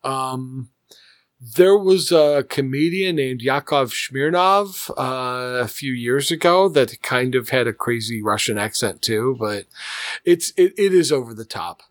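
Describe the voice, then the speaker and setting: A man's voice: medium pitch, animated, measured pace, no echo, studio quality. A man co-hosting a podcast, chatting casually and telling stories with enthusiasm. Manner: enthusiastic storyteller, frequent restarts. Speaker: podcast co-host. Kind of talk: casual chat. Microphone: podcast mic in a living room.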